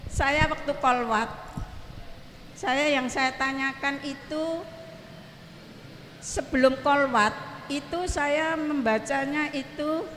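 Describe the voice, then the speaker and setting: A woman's voice: high voice, slow pace, long pauses, a bit bright, slight background noise. Earnest woman telling her story in a hall. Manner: earnest, keeps addressing the teacher respectfully. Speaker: congregant asking a question. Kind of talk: telling a personal story to a teacher. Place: study hall at an Islamic boarding school. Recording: long reverb, faint ambience.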